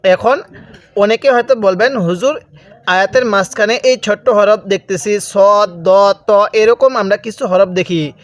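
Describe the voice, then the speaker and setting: High-voiced man teaching Quran recitation. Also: no room sound. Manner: spells out letters, then recites words slowly and drawn out; asks the viewer questions and answers them himself. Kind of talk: step-by-step recitation lesson.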